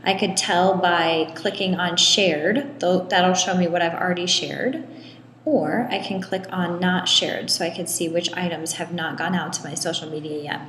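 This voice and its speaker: A woman giving a step-by-step screen tutorial in an echoey room with long reverb, talking in a relaxed way with frequent ums. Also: lowish voice, moderate pace, slight background noise. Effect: echoey room with long hall-like reverb. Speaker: tutorial presenter.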